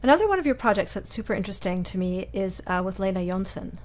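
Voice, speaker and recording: Woman hosting a chat with a musician, average pitch, asks curious stuff. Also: expressive, fast talker. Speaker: interview host. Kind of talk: interview questions.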